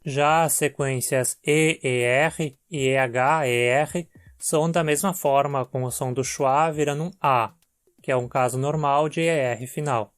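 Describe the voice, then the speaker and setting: A man teaching a pronunciation lesson, reading example words one at a time in a measured way. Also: medium pitch, steady tone, smooth, dry recording. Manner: measured, reads word lists one by one. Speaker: language teacher.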